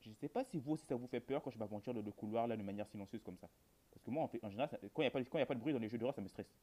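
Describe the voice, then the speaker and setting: A man's voice: medium pitch, rapid-fire, mellow. A man giving casual horror game commentary, rambling to his viewers in colloquial speech with dry jokes. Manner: rambling, addresses viewers, colloquial, dryly joking. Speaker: gamer, video host.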